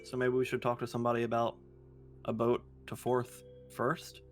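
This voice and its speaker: A man in a casual tabletop game session, with an easygoing voice of middling pitch. He plans aloud in a relaxed, friendly way. Faint music plays behind him. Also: moderate pace. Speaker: player.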